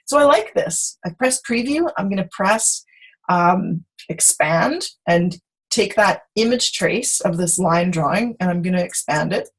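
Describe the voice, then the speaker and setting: A woman teaching design software on a video call, chatty and self-correcting as she demonstrates. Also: lowish voice, animated, unhurried, husky, poor audio. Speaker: software instructor. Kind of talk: screen-share tutorial.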